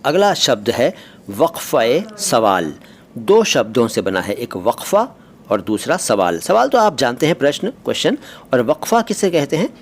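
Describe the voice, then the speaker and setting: A man's voice: mid-range voice, big pitch swings. A man hosting a casual vocabulary lesson, explaining words patiently with small hesitations, recorded on a phone inside a moving train. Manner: explanatory, with frequent hesitations and pauses. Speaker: language teacher and channel host.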